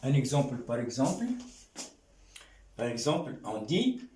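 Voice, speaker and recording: A man teaching an Arabic reading lesson in French, sounding out syllables slowly and checking in with his students again and again. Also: medium pitch, big pitch swings, a little mellow, slight background noise. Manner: drawn-out syllables, frequent questioning "hein?". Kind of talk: slow classroom lesson. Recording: echoey room.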